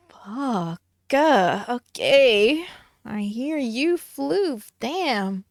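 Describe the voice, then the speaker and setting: A woman's voice: on the high side, no room sound, studio quality. A woman streamer chatting casually and giggling while she draws on stream. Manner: slow, musing, giggly.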